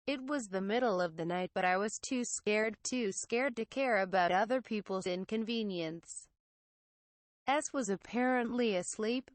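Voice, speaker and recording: A woman reading a translated horror story as narrator in an even, measured way. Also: mid-range voice, dry recording.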